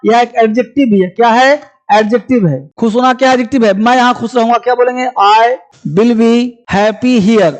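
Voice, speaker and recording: High-voiced Indian male English teacher. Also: low-quality recording. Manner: drills students, slows down for English example sentences. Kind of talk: live spoken English class.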